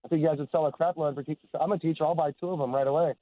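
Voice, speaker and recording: A man calling a radio show on his phone's speaker from his car on the highway, easygoing and chatty. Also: fairly even intonation, rapid-fire, no room sound. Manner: easygoing, calls the host man and dude. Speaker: caller. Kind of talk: casual call-in chat. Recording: tinny speakerphone phone line.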